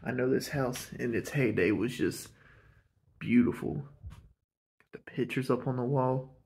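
Medium in pitch, husky and darkish, this man speaks unhurriedly while giving an upbeat, talkative tour of a vacant old house. He's an urban explorer host narrating casually into a handheld camera mic.

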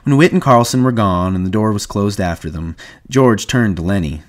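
A man reads a novel aloud in a low voice. His narration is measured and even, in a plain audiobook telling. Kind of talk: audiobook reading.

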